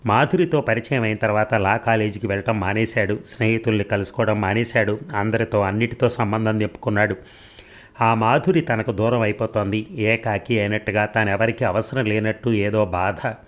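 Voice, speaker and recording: A middle-aged man reading a story aloud in a steady narrating voice. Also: lowish voice, moderate pace. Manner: steady reading, voicing dialogue of both lovers.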